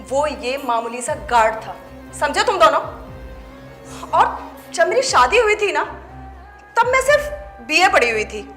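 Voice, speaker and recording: A woman's voice: high-pitched, a bit bright, heavily acted. An actress playing a principled woman boss who firmly scolds her staff in defense of her husband. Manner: firm, scolding, reproachful. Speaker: office boss and wife. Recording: echoey room with faint music.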